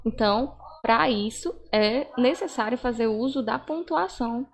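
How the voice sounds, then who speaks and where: A young Brazilian woman teaching an online lesson in a fairly high voice, walking through each point patiently and often checking in with her listeners. A faint hiss sits under her voice. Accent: Brazilian Portuguese. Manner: explanatory, frequent tag questions.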